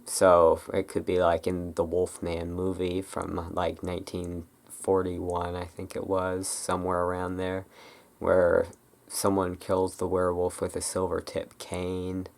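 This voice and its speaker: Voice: sits low, monotone, a little slow, gravelly. An ASMR creator chatting casually and off the cuff, rambling and hesitant, often trailing off. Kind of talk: casual improvised ASMR chat.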